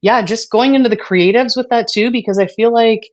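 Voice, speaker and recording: A woman being interviewed, talking casually in a halting way with many fillers, at times choked up with emotion. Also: on the high side, darkish tone, dull audio. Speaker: guest.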